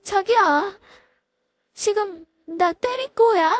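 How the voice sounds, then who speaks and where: A woman voicing a jealous young mistress who shrieks in a shrill voice. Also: very animated, unhurried, no room sound. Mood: stunned.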